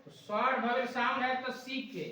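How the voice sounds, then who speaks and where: A woman's voice: high voice, fairly even intonation, normal speed, pushed and bright, a little hiss or hum. A woman teaching an English class, quizzing her students with repeated questions and tag checks. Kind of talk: classroom lesson. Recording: echoey room recorded from far off.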